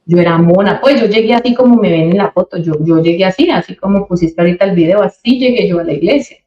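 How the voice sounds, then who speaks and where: A young woman giving a personal faith testimony as an interview guest, telling her story in a lively way and acting out what others said. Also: on the low side, fast talker, echoey room, dull audio. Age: young adult. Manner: animated storyteller who acts out quoted dialogue.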